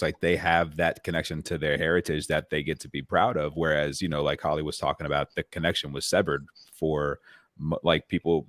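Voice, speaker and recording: A man's voice: rumbling low, fairly bright tone, no room sound. A man co-hosting a panel talk, thoughtful and reflective, with many fillers. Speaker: podcast co-host. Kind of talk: casual panel discussion.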